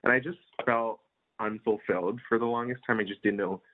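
Speaking briskly at a fairly low pitch with fairly even intonation, this Indian guest in his early twenties rambles through his interview answers, filling them with casual fillers. The sound is like a remote phone call.

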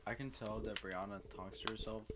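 A man's voice: lowish voice, fairly even intonation, brisk. Laid-back guy with faint hiss. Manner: laid-back, filler-heavy, calls people bro. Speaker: podcast co-host. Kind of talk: casual podcast chat.

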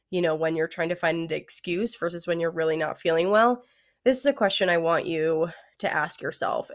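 With a lowish voice made nasal and congested by a head cold, a young woman chats casually. She's a fitness coach offering advice on her podcast, sprinkling in plenty of "like" and "you know."

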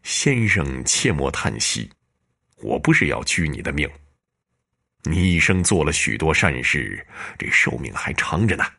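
A man's voice: a bass voice, sing-song, measured pace, gravelly, pushed and bright, heavily acted. Man doing a cold underworld ghost general. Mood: cold, commanding.

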